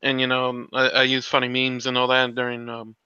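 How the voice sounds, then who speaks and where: As a guest cartoonist on a relaxed stream, a man jokes around with some hesitation, sounding laid-back. His medium-pitched voice is monotone, brisk, bright, forceful and smooth, and the recording is dry from a dull lo-fi mic.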